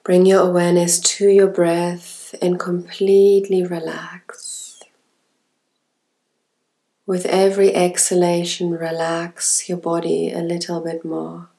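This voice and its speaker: Woman, intimate ASMR relaxation host. Very unhurried, soft and soothing, with some creak in an even, lowish voice. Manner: slow, soft, sensual, soothing delivery with breathy whispered words.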